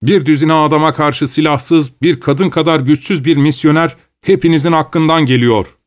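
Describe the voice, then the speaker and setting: A man narrating a story voices a mocking male chief who jeers loudly. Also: a little high, steady tone, moderate pace, pitched above the performer's own voice, lightly acted. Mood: jeering. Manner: jeering.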